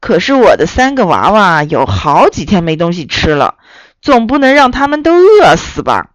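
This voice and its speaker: A woman voicing a big, hungry male wolf in a children's story, talking gruffly and bluntly. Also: wildly swooping pitch, normal speed, no room sound. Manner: gruff, lower and louder than the narration.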